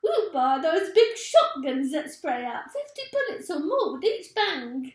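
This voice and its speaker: A woman voicing a shrill, nasty, scolding wife from a children's storybook. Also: sing-song, unhurried, reverberant. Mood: gleeful.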